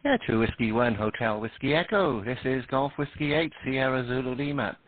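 A man's voice: medium pitch, fairly quick, slight background noise. A man who is a guest on an amateur radio net, explaining things in plain terms and calling out radio call signs. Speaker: guest panellist. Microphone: radio transceiver. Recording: tinny radio transmission.

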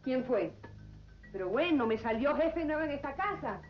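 An actress with a Venezuelan accent playing a commanding, sharp-tongued head of household in a telenovela. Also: female voice, high-pitched, lively intonation, moderate pace. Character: domineering woman head of household. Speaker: Eva, family matriarch. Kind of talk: 1990s telenovela acting. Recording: dull lo-fi TV audio with music.

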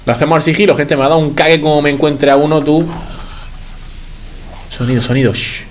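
A man with a Spain Spanish accent commentates his game playthrough in a loose, chatty way, swearing offhandedly and talking straight to his viewers. His voice sits a little on the high side, and there is a faint hum of background noise. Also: fairly even intonation, fairly quick. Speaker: gaming YouTuber. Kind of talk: let's play commentary.

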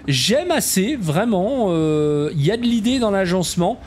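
There's a sing-song quality to this man's high, slightly mellow voice as he slowly walks viewers through a game camp. Casual and chatty, he calls them "les enfants" and teases himself in asides, with slight background noise behind him.

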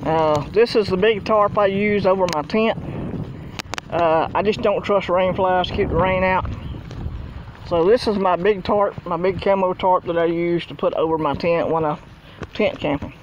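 Middle-aged man, high voice, folksy rambling demo, outdoors, dull phone mic with faint background noise. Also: fairly even intonation, moderate pace. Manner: folksy, rambling, talks while working with his hands. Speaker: outdoors vlogger. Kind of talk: casual hands-on demonstration. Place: outdoors in a yard. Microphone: handheld phone camera.

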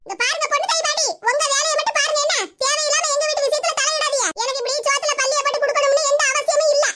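A high, chirpy cartoon daughter-in-law who keeps denying the blame in a Tirunelveli accent, voiced by an actor in a sped-up squeaky tone. A loud hiss sits under the voice. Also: little pitch movement, racing. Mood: defensive. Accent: Tirunelveli Tamil. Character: young daughter-in-law, wronged and defensive. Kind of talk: animated village comedy.

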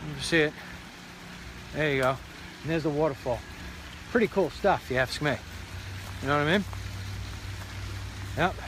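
A man's voice: a little high, normal speed, pauses often, background noise. Chatty man rambling on an outdoor walk. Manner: chatty, rambling, joking asides. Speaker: show host. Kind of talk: casual walk-and-talk vlog. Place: outdoors on a rural property by a pond.

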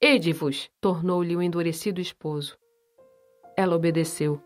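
Female audiobook narrator, measured and expressive. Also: mid-range voice, soft background music. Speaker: audiobook reader.

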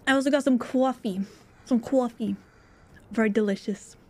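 A woman's voice: fairly high pitch, normal speed, warm tone. A woman streamer chatting casually with her viewers while she eats and plays a game. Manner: chatty, eating while talking, laughs often. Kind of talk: casual live-stream chat while gaming and eating.

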